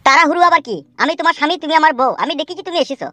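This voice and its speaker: A woman's voice: high voice, very fast, pushed and bright, no echo. A woman voicing an evasive young husband.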